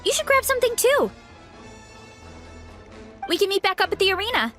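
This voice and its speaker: A high-pitched young woman athlete from a video game. She is easygoing yet eager and hearty, with very lively pitch movement. Soft game music sits behind her. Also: moderate pace, exaggerated voice. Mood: hungry, urgent. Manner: laid-back, breezy, eager.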